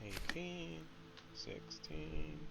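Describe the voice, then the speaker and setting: A man's voice: a little high, expressive, very slow, creaky, crowd noise. A man acting as game master, casually narrating a tabletop game. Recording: dull lo-fi audio, faint music. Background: faint music.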